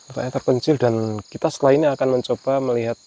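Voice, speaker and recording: A man's voice: mid-range voice, fairly even intonation, racing, mellow. A man narrating a casual night vlog outdoors, explaining what he sees and often checking with his companion. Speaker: host of a mystery exploration vlog. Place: outdoors at night by a ruined empty village house.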